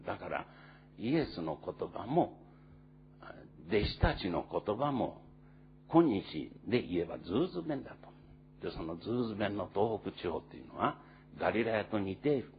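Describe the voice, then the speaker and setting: Low-voiced pastor preaching, lively pitch. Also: male voice, muffled recording, a little hiss or hum. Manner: earnest storytelling with many pauses and fillers. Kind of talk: sermon.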